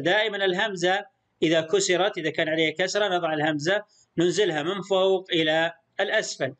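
A male primary school teacher giving a recorded lesson, patient, repeating sounds slowly and praising the pupils often. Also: sits high, a bit bright.

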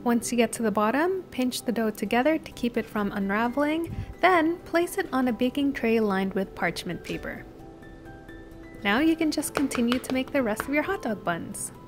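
A woman host calmly narrating a baking recipe step by step as a voice-over. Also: fairly high pitch, moderate pace. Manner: steady step-by-step instructional delivery. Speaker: cooking channel host. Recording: voice-over with music behind.

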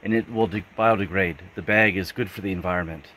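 A man showing off his truck camper, explaining things step by step in a halting, casual way. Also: sits low, sharp tone, slight background noise. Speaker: truck camper owner giving a tour. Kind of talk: casual show-and-tell.

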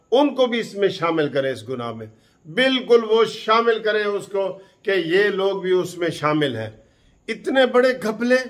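A man from Pakistan hosting heated political commentary, impassioned and accusing, repeating key phrases for emphasis. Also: high-pitched.

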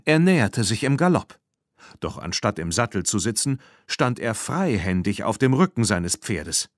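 A man with a lowish voice narrates a children's audiobook at normal speed, telling the story expressively. The scripted narration is recorded cleanly in a studio with no room sound.

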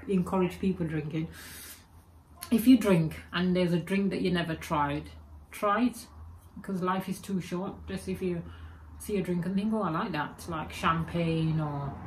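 Poor audio with slight background noise carries a fairly low female voice. She is a vlogger in her forties from England whose Birmingham accent holds Jamaican and Egyptian traces, chatting to a webcam or phone camera at her desk in a home room with spooky shelves, rambling and self-correcting as she goes.

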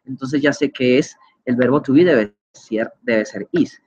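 A man's voice: medium pitch, measured pace, darkish tone, breathy edge, dull audio. A man giving an online grammar lecture as a teacher, patient and explanatory, often checking in with his listeners. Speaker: English teacher.

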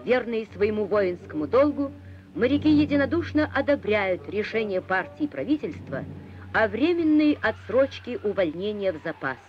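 A woman's voice: mid-range voice, sing-song, moderate pace, slight background noise. Woman narrating an old newsreel. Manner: solemn, declamatory. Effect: old newsreel soundtrack. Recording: dull lo-fi 1960s film soundtrack with music.

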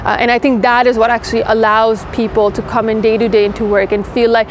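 A young woman talking fast and casually in an interview, filling her answers with "like" and "you know." She sits in a leafy city courtyard with a lapel mic. Faint traffic hums behind her. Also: fairly high pitch, level tone. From Pakistan, raised in Toronto. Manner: quick, chatty, many "like" fillers. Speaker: engineering director, interview guest. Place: outdoor garden courtyard in a city.

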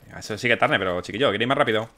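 A young man doing let's play commentary, excitable and swearing as he plays. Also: lowish voice, rapid-fire. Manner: excitable, swears often, exclaims mid-game. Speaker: gaming YouTuber.

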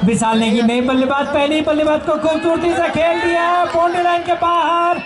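A man giving excited live commentary on a local cricket final, often shouting over the crowd at an outdoor stadium. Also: extremely high pitch, a little fast. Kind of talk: live match commentary over a public address. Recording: echoey distant stadium sound with crowd and noise.

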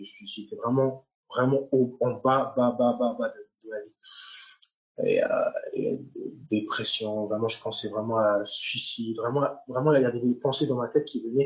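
A young man originally from Nigeria recounts his testimony as a footballer, pitch sitting in an ordinary middle range. He speaks haltingly, repeating words and restarting sentences as he goes. The recording has a slightly dull, muffled tone. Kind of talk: personal faith testimony.

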